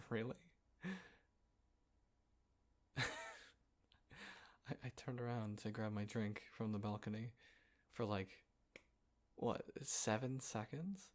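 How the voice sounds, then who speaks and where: In a casual roleplay clip, a fairly low-voiced young man portrays a relaxed, playful guy talking with a friend in a tone of amused disbelief. His delivery is halting and naturalistic, and he chuckles as he speaks.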